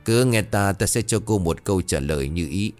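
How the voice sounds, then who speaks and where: A man voicing an old male exorcist master, calm and sly, in a ghost storybook. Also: low voice, faint music behind. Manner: chuckling, unhurried.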